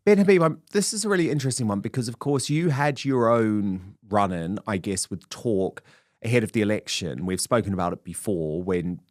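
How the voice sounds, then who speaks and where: A man's voice: on the low side, fairly quick, no echo, studio quality. A man hosting a political talk show, presenting in an emphatic, punchy way. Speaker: host.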